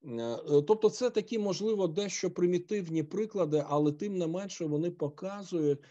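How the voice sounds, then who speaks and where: A man giving an online philosophy lecture, halting often with filler sounds. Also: sits high, mellow. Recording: dull lo-fi audio.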